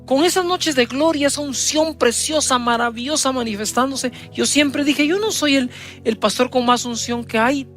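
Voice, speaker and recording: A male pastor preaching a sermon, reading scripture aloud and retelling it with dramatic swings in emphasis and loudness. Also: very high voice, moderate pace, faint music behind.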